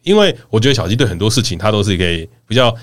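Male host, animated storyteller with a bouncy pitch, casual podcast chat. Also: very fast.

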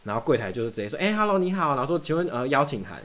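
Appearing as a podcast guest, a young Taiwanese man spins a lengthy anecdote in relaxed chat, playing both parties in each exchange himself. He speaks in a mid-range voice, animated and very fast.

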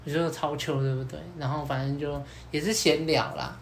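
A man, hosting a podcast and telling a story in a casual, animated way, acting out both sides of the dialogue with many fillers. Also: a little high, a little fast, slight background noise. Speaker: podcast host.

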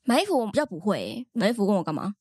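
A woman's voice: medium pitch, racing, slightly rough, no echo, clean studio sound. A young woman with a Taiwanese Mandarin accent, co-hosting a podcast and telling stories with frequent laughter. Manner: animated storyteller, laughs often. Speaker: podcast co-host. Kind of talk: casual chat.

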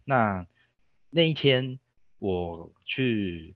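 A young man with a Taiwanese Mandarin accent tells a story as a guest, casual and rambling, often stopping himself with fillers. His voice sits low, and the sound is dry and somewhat dull and lo-fi. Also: lively intonation, very slow, no echo. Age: young adult. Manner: rambling, self-interrupting with fillers.

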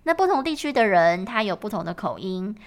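A woman's voice: mid-range voice, very animated, a little fast. A woman with a Taiwanese Mandarin accent, an English teacher explaining patiently in a podcast lesson.

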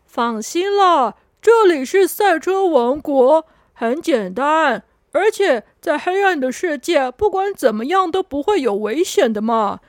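A woman's voice: extremely high pitch, animated, no room sound, studio quality, voice pushed up. A woman voicing a careless, easygoing guide who drawls and hurries others along. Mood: breezy. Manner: easygoing, drawn-out.

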